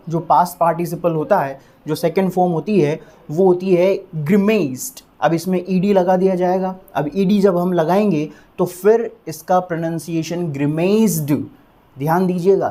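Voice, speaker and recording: A male English teacher giving a vocabulary lesson, who repeats each word slowly to drill its pronunciation and keeps checking that viewers have understood. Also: sits high, dark tone. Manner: addresses viewers as friends, asks "clear?".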